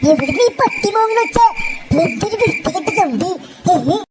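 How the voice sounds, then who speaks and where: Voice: very high voice, sing-song, fairly quick, heavy background noise. A performer voicing a cheeky schoolboy in a comic cartoon dub, teasing and mocking. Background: loud music.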